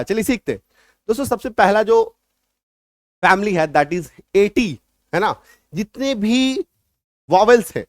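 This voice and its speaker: Male teacher, high voice, coaxing and repetitive, punches key words, dry close mic. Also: no room sound. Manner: repetitive, coaxing teacher talk that checks the listener understands; stresses example words loudly. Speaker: English teacher. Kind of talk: spoken lesson for learners.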